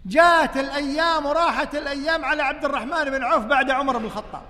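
A man's voice: extremely high pitch, steady tone, very fast, pushed and bright. A man preaching a sermon, telling the story with emotion and firing rhetorical questions at his listeners. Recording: long hall reverb.

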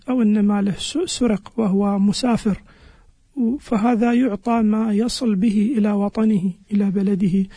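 A man explaining religious rulings as a scholar on a radio program, in a measured, halting way with pauses. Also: sits high, dark tone, breathy edge, no room sound. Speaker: Islamic scholar answering listeners' questions.

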